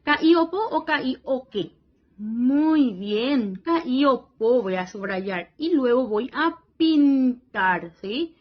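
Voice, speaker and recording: Slow, patient woman teacher, lo-fi. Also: sits high, animated. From Paraguay region. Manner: slow, patient, repeats praise and checks in with "¿sí?". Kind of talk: worksheet lesson for young children.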